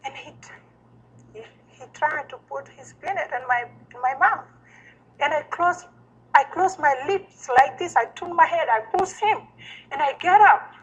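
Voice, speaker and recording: Woman with a high voice, halting, keeps repeating herself in an interview. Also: lively intonation, dull audio. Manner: halting, repeats and restarts phrases. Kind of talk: recounting an event in an interview.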